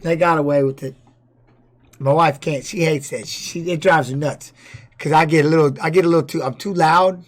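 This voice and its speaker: Loud profane man telling stories. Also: a little high, steady tone, normal speed. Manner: loud, profane storytelling with laughs. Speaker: streamer reacting to fight videos. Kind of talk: casual stream chat.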